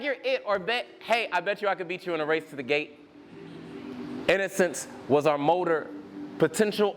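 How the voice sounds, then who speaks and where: A young man performs a spoken word poem live on stage. His delivery is rhythmic and emphatic, building through repeated phrases. His voice sits a touch high, with a faint hum of noise underneath. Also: fairly bright tone. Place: live poetry venue.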